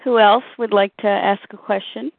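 A woman's voice: mid-range voice, steady tone, normal speed, gravelly, no room sound. A woman moderates the meeting in short procedural lines, calling on the next speaker. The sound is thin and tinny, like a phone line. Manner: brief, procedural.

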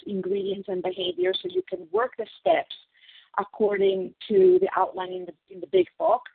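Woman, husky, earnest sharer at a recovery meeting, heard through a crackly cordless-style phone line that drops in and out. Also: mid-range voice, no room sound. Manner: earnest, explanatory, repeats key phrases. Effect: crackly phone line fading in and out. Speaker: meeting participant sharing. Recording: tinny dry phone line.

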